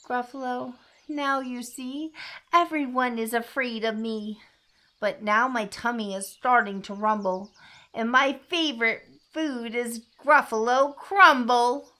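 A woman voicing a small, clever brown mouse in a storybook read-aloud, chirpy and excitable. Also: a little high, takes it slowly. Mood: cocky.

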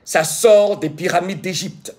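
A man hosting a live stream who chats casually with viewers, greets them by name, and teases them with bursts of excitement. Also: high-pitched, unhurried, slightly rough. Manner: exuberant, teasing, greets chat by name. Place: home in the United States.

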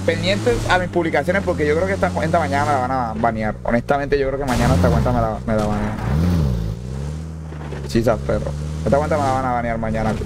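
Slangy young man narrating his gameplay. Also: heavy background noise. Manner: slangy, jokey, bursts into shrill pleading. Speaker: gamer streamer. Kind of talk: casual gameplay commentary.

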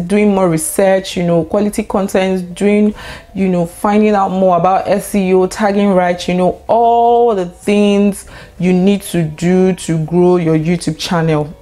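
A young woman talking casually to camera in a vlog, chatty and excitable, with lots of fillers and bursts of laughter. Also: on the low side. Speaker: YouTuber.

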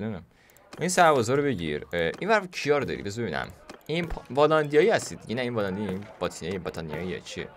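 A young man casually commentating a video game he plays, joking, chatting to the game characters and sometimes bursting into shouts. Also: mid-range voice, slight background noise. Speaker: gaming YouTuber. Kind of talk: casual Let's Play commentary.

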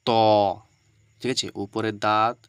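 A man teaching Arabic letter pronunciation step by step. He often asks and answers his own questions and repeats the letter sounds loudly. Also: fairly low pitch, a little fast, dry recording, clean studio sound.

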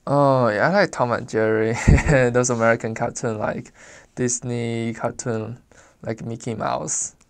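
A young Chinese man, whose first language is Chinese, speaks accented English in a casual interview about his life. He pauses often to find words and laughs easily, his voice gravelly with a flat, even pitch.

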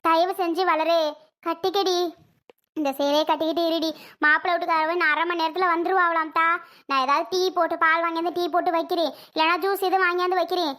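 Woman playing a high-voiced nagging old mother. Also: steady tone, fast talker, bright, forceful tone. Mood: scolding. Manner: pleading, scolding, lamenting to god. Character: fretful old mother, nagging her daughter. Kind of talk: family skit acting.

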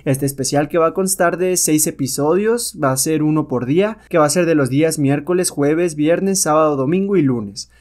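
A man introducing a new episode on his channel, speaking slowly and deliberately with the odd "pues". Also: on the high side, a little mellow. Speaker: channel host.

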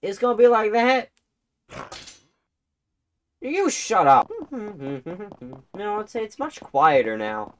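A man's voice: high voice, very animated, slow, pauses often. A man hosting a gaming video, joking and exclaiming through casual banter with his friends. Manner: goofy, exclamatory, jokey.

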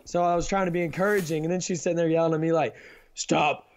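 A man's voice: on the high side, steady tone, very fast, darkish tone, a little hiss or hum. A man co-hosting a casual podcast, telling stories and acting out quotes. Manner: storytelling, acts out quotes. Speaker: podcast co-host. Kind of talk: casual chat.

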